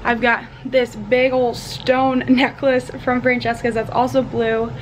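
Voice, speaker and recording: A bubbly young woman with a fairly high voice chats to her vlog like an excited sorority girl. Her talk is casual and sprinkled with "like". The camera microphone picks up clear room noise around her. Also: a little slow, low-quality recording. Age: young adult. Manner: heavy use of "like". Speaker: vlogger, college sorority member. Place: small dorm room, indoors. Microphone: handheld camera at arm's length.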